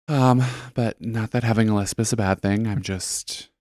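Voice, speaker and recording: A man co-hosting a podcast, chatting casually in a laid-back, deadpan way. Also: fairly low pitch, normal speed, no echo. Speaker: podcast co-host. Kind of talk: casual chat.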